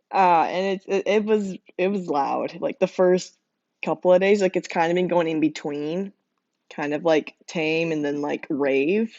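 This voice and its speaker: Hoarse and losing her voice from screaming, this young woman sounds deep and strained as she draws art on a livestream. She chats casually with viewers, laughing frequently between thoughts and filling gaps with many fillers. A dull, lo-fi mic captures her dry and close, with no echo.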